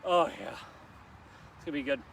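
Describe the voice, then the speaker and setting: Slight hiss or hum accompanies a fitness instructor whose fairly bright voice moves at a moderate pace. Leading a live park workout, he does each move with the group, keeps the coaching upbeat and encouraging, and jokes about his slip-ups.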